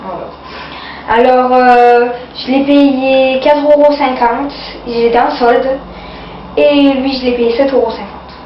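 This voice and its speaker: Her voice sits high with a steady tone as she slowly chats through a haul of sale finds, congested from a cold and runny nose. She keeps saying "voilà" amid plenty of hesitation and fillers. The recording is a dull, distant, echoey lo-fi home video carrying a little hiss or hum.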